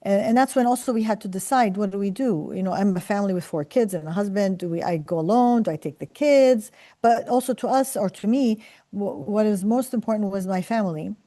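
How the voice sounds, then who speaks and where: Middle-aged woman professor, mellow tone, reflective and earnest, lots of fillers and restarts. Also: mid-range voice, a little fast. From Palestine. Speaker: professor and scientist. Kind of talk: career talk to students.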